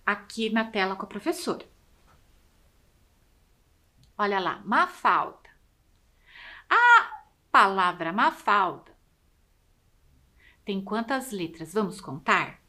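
A Brazilian woman teacher giving a lesson to children, spelling words out slowly and sounding out syllables with exaggerated care. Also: medium pitch, bright, forceful tone. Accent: Brazilian Portuguese. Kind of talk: slow, drawn-out classroom instruction for children.

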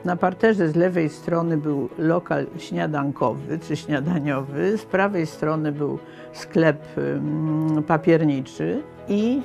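Older woman with a creaky voice. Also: deep voice, takes it slowly, a little mellow. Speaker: interviewee recalling family history. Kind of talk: documentary reminiscence. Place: book-lined study. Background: faint guitar music.

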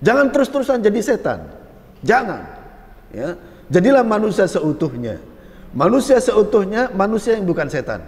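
Preacher, male, high voice, playful and animated delivery, long reverb of a hall. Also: moderate pace. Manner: lively, joking, acts out little dialogues. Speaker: Islamic preacher. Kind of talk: religious lecture.

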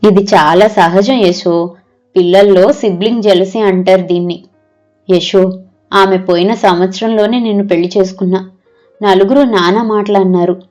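A woman voicing a gentle middle-aged father who speaks slowly and reassuringly in an audio story. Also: medium pitch, soft background music, lightly acted. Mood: soothing. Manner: slow, calm and reassuring.

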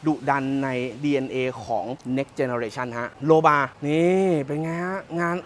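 A man's voice: medium pitch, unhurried, a little hiss or hum. A man from Thailand giving a casual, joking walkaround of a pickup truck as a car salesman, often repeating himself. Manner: chatty and joking, repeats phrases.

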